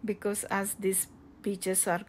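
A woman narrating a casual travel vlog outdoors on coastal cliffs, halting with many fillers and restarts. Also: mid-range voice, level tone, darkish tone, slight background noise. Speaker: travel vlogger.

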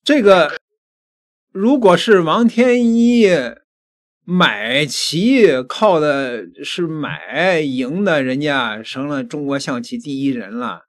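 A middle-aged man giving news commentary into a desk microphone, deliberate, with pauses and emphatic repetition. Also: a little high, expressive. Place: small indoor studio at a desk. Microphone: desk microphone close in front.

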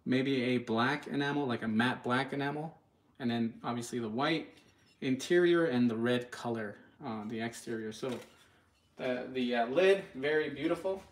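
Speaking at medium pitch and normal speed, a product reviewer offers live commentary in his home kitchen. He addresses viewers directly in an informal, slightly hesitant way.

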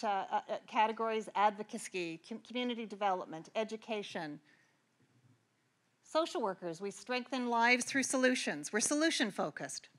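Bright-voiced middle-aged woman giving a keynote. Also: a little high. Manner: earnest, conversational with frequent restarts. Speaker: keynote speaker. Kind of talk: conference keynote address. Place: large convention hall.

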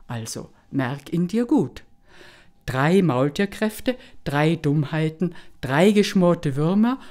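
A woman storyteller voicing a knowing old village woman who gives calm, brisk instructions. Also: low-pitched. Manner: soothing, then brisk and instructive.

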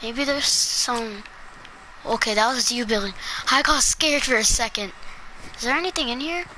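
A young gamer chatting with a teammate during a match, getting excited and yelling when in danger. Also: female voice, on the high side, moderate pace. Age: child. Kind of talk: casual gaming chat. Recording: noisy game audio behind.

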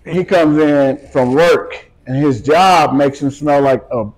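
A man's voice: on the high side, slow, a little mellow, rough recording. A man barber ranting bluntly and jokingly about clients in casual chat.

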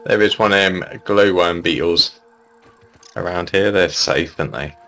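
A man in a casual co-op gaming chat, excitable and quick to yelp and laugh when things go wrong. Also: low voice, faint music behind. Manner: excitable, yelps and laughs during fights. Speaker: gamer.

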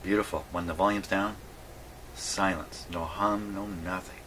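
This man hosts a radio repair channel and is working in a small indoor radio workshop, muttering and thinking aloud through a casual hands-on demonstration. His deep voice stays steady and unhurried. Background noise comes through clearly on a distant mic.

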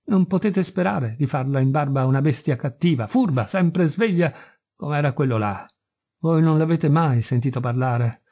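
A man voicing a delirious, spiteful first mate who rants and mocks in a shrill, unhinged way. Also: expressive, moderate pace, mellow. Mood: brooding menace. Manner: ranting, mocking, shrill when furious.

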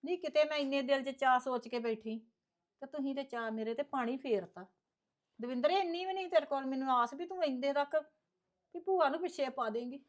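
A woman's voice: high-pitched, brisk, natural voice. A woman playing an offended aunt who was left out of her nephew's send-off, complaining sharply. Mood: hurt. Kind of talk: family short-film acting.

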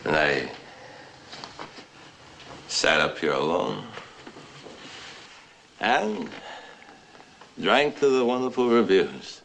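An actor playing a tipsy, boisterous novelist who rambles and laughs, lonely under the bluster. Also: male voice, sits low, sing-song, drawn-out words, vocal fry, long pauses, a bit bright, full character voice. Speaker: writer. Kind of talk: 1960s film acting. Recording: old film soundtrack, faint hiss.

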